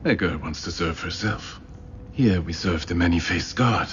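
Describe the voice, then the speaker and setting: An actor playing a stern male religious teacher in a TV drama, speaking in a measured way. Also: low-pitched, roomy sound, dull audio, slight background noise, natural voice. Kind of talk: TV drama dialogue.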